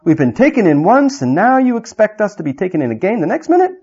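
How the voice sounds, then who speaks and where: A man voicing a gruff, scornful male dwarf in a read-aloud story, talking coarsely and with contempt. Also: high voice, very animated, fast talker, warm tone, lo-fi sound, voice pushed up, full character voice. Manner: scornful, coarse, common-sounding.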